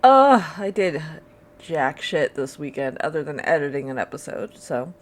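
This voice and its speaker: A woman co-hosting a podcast in casual chat, sleepy and just woken up, relaxed and laughing with some casual swearing. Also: low-pitched, moderate pace. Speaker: podcast co-host.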